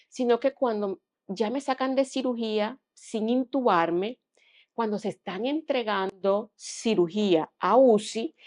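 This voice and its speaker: A young woman giving an earnest personal testimony as a podcast guest, often dropping to a hushed tone. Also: mid-range voice.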